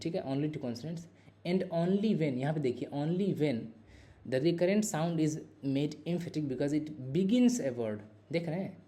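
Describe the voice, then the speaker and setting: Mellow-voiced man teaching in a lecture. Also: a little high. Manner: explains in Hindi mixed with English terms, repeats key phrases, sounds out words slowly. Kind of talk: exam-prep literature lecture.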